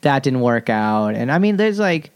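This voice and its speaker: A man's voice: medium pitch, very animated, moderate pace, clear, resonant tone. A man from Atlanta, guesting on a podcast and telling stories in a laid-back way. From Atlanta, Georgia. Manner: laid-back storyteller, swears casually. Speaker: guest comedian. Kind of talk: casual chat.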